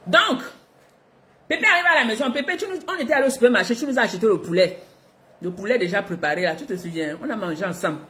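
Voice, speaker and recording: Middle-aged african-born woman chatting a story to her viewers, lively and laughing, medium pitch. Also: rapid-fire. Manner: lively, expressive, laughs between lines. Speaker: vlogger.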